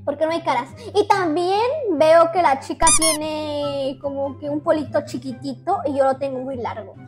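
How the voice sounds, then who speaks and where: A woman giving excitable, giggly commentary over a game. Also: high-pitched, normal speed, over music. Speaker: gaming YouTuber. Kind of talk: casual gameplay commentary.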